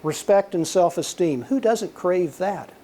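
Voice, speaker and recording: An older man, a former intelligence officer, gives a conversational talk as a guest lecturer in a high-pitched, soothing voice at a slightly slow pace. He is a relaxed storyteller who shares anecdotes and acts out the dialogue he quotes.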